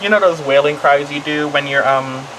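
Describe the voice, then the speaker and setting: Halting, self-conscious vlogger with mid-pitched voice, noisy room. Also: fairly bright tone. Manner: halting, rambling, trailing off. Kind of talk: casual confessional talk to camera.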